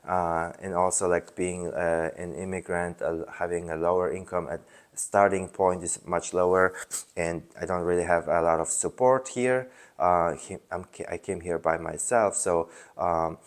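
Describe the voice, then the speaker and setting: Very low-voiced man with a mixed Polish-Mongolian accent. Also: fairly even intonation, a little slow. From Poland. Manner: hesitant, many fillers and restarts. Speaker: self-help video host. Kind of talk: casual unscripted monologue.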